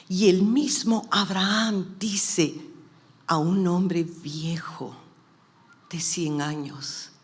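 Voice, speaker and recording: A woman preacher giving a sermon, moving between hushed whispers and loud shouted declarations, and mixing in her own testimony. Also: low-pitched. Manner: personal testimony.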